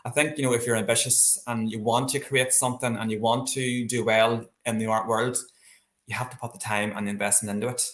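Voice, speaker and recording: A man with a Northern Irish accent and a mid-range, somewhat bright voice speaks briskly in a level tone. As a landscape painter being interviewed casually, he tells personal stories in a chatty, enthusiastic way, and the recording sounds echoey and roomy.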